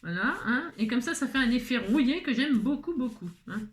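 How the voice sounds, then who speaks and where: A woman's voice: fairly high pitch, expressive, brisk. A woman with a French accent hosting a casual card-making video. She talks while she works, thinking aloud with lots of fillers and jokes at her own expense. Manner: chatty, self-mocking, thinks aloud with many fillers. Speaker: craft video host. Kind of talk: casual crafting demonstration.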